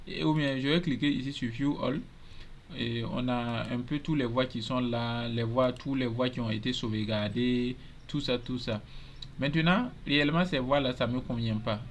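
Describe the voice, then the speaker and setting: A man hosting a screen-recorded software tutorial, casually explaining step by step and often repeating himself. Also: mid-range voice, a little hiss or hum. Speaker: tutorial host.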